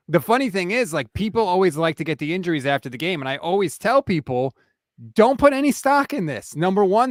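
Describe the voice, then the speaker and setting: A man talking as a podcast guest in casual sports chat, animated as he tells stories and mimics coaches. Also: high-pitched, no echo, clean studio sound. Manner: animated storytelling, quotes coaches in their tone. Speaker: podcast guest, team beat writer.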